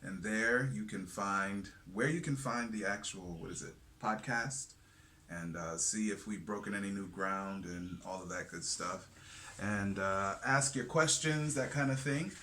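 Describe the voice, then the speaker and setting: A man's voice: on the low side, unhurried, bright, forceful tone. A middle-aged man hosting a podcast with his wife, talking in a playful, joking way full of "uh"s. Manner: playful, jokey, rambling with fillers. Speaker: podcast host. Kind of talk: casual chat with spouse. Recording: faint background noise.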